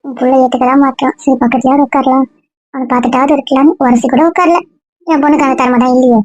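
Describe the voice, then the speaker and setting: A woman's voice: high voice, steady tone, quick pace, a little mellow, no echo. An actress playing a stubborn, complaining woman in a family comedy-drama skit. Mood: lamenting. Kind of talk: casual web-series acting. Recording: dull lo-fi dry sound.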